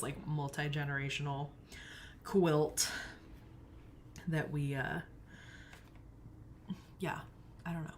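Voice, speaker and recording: A young woman hosting a knitting livestream, telling a family story in a casual, giggly way with lots of filler words. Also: very deep voice.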